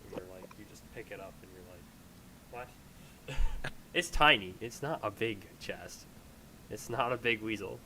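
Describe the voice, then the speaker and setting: A man narrating a tabletop game as game master, improvising halting, descriptive storytelling addressed to the player. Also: on the low side, noisy background.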